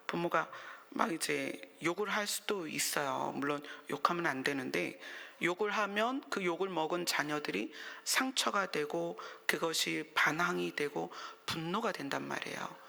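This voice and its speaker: Gravelly bright-voiced woman pastor preaching. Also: fairly low pitch, normal speed, in a large hall. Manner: conversational preaching with rhetorical questions, dropping to whispers. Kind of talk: sermon. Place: church sanctuary.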